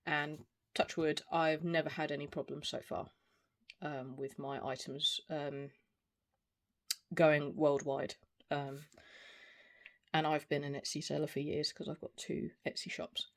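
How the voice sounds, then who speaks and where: Someone in their forties gives an unscripted, casual product review, hesitating and rambling as they go. The voice is mid-range and a little bright, with a measured pace and little pitch movement. The recording is clear, with some background noise and small clicks.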